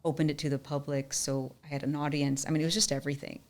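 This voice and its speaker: A young woman telling a personal story as a podcast guest, animated and chatty, leaning on "like" a lot. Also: low-pitched, fast. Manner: animated storyteller, often says "like". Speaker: podcast guest, musician and entrepreneur. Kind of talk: storytelling in casual interview.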